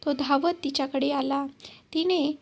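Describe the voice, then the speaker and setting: A woman narrating a love story in an even, measured reading. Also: sits high, gravelly.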